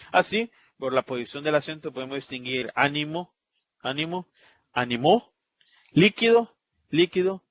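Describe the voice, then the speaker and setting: A man's voice: on the high side, a bit bright. A man, a tutor giving an online spelling lesson, listing examples and checking in with "¿verdad?". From El Salvador. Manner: explanatory, lists examples, asks "¿verdad?". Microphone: video call. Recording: dull lo-fi video call audio.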